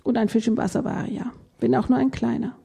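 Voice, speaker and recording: A woman reads a children's picture book aloud in a gentle storytelling manner. Her voice is dark and mellow, with a husky, gravelly grain, and it sits a little high for a woman. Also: fairly even intonation, fast. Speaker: reader.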